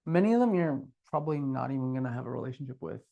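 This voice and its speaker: A man's voice: mid-range voice, animated, very fast, vocal fry, highs cut off. A middle-aged man co-hosting a podcast, talking candidly and reflectively about his past, with a self-deprecating streak. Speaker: podcast co-host. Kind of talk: casual conversational podcast.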